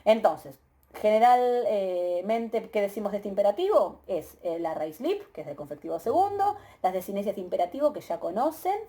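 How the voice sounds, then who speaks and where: A woman teacher with an Argentine Spanish accent, giving a methodical recorded grammar lecture, often pausing with "eh" and checking in with her students. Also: mid-range voice, sing-song, mellow. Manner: methodical, explanatory, many filler "eh"s and rhetorical "¿sí?" checks.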